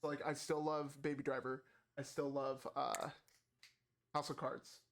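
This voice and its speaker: A man's voice: mid-range voice, level tone, unhurried, creaky, fairly bright tone. A man co-hosting a casual gaming podcast, rambling with lots of fillers and restarts. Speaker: podcast co-host.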